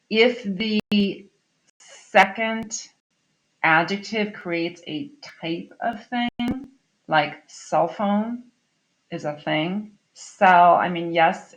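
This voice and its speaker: Woman teacher, recorded lesson; lower voice with some fry, chatty and explanatory. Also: fairly bright tone. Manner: explanatory, chatty, frequent "um" and "okay?" check-ins. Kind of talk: recorded online class lesson.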